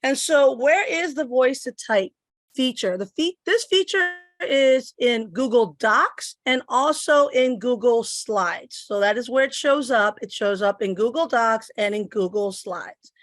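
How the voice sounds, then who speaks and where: Here a middle-aged Puerto Rican woman gives a step-by-step screen demo, talking through each click on her computer. She speaks unhurriedly and expressively in a fairly high voice, recorded on a computer microphone with no echo.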